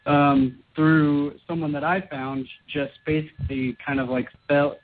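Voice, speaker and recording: A man's voice: on the high side, level tone, measured pace. A man guest on a talk show calling in by phone, speaking hesitantly with many restarts. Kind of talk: casual interview. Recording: tinny phone line.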